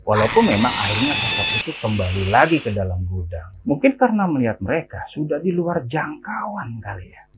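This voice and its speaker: A man telling a horror story in a casual, chatty way, often calling out to his listeners. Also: medium pitch. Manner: chatty, addresses listeners directly. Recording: tinny phone-like recording, faint hiss.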